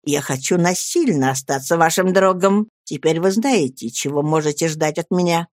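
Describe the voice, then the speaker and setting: A sly, falsely humble young man murmurs in a soft, slow, ingratiating voice, as a male audiobook reader puts him on. The recording is close and dry, with no room around the voice. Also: on the high side, no room sound, natural voice. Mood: smug, forgiving. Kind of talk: audiobook character reading.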